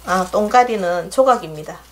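A woman's voice: mid-range voice, expressive, normal speed, a little hiss or hum. A middle-aged woman with a Gyeongsang accent, hosting a home cooking demonstration in a chatty, homey way, with dishes clinking in her kitchen. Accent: Gyeongsang Korean. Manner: chatty, homey step-by-step instructions. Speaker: cooking channel host. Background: clinking dishes and pots.

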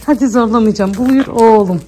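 A woman's voice: fairly high pitch, moderate pace, mellow. A woman chatting casually to the camera in a vlog, cooing at a dog now and then. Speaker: vlogger. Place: home kitchen and outdoors.

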